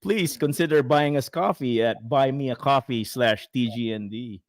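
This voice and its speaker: A Filipino man co-hosting a casual podcast talks at a moderate pace in a mid-range voice, rambling, using lots of fillers and chuckling occasionally. The recording is studio quality, with no room sound at all.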